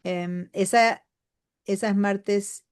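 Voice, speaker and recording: A woman chatting casually as she explains class schedules, with fillers and pauses. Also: mid-range voice, fairly even intonation, clear, resonant tone. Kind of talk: casual conversation.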